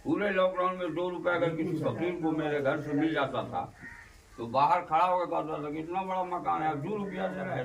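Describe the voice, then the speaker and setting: A man giving a fiery public sermon as a religious orator, building to impassioned shouts, recorded from a distance. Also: high-pitched.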